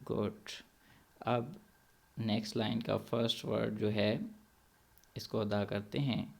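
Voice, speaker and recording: A man teaching English pronunciation to children in an online class, saying words slowly and repeating them for the pupils to echo. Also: lowish voice, flat delivery, creaky.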